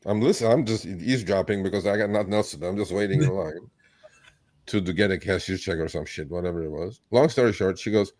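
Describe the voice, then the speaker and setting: A man born in Turkey, hosting a live chat, talking bluntly and with profanity, telling animated stories. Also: low-pitched, fast talker, few pauses, no room sound. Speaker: host. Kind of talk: casual livestream chat.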